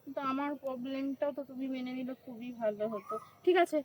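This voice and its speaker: A woman playing a bold, self-assured new bride who talks brashly and fast, in a comedy skit. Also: high-pitched, darkish tone, slight background noise, natural voice, low-quality recording. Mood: coaxing.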